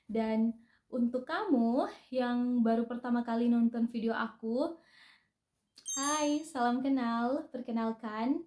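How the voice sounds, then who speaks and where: A young woman vlogger talks in a friendly, chatty way, slipping in small hesitant fillers as she goes. Her voice sits a little high. The room around her adds a clear echo. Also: slow pace, pauses often, darkish tone. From North Sulawesi, Indonesia. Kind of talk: casual personal vlog.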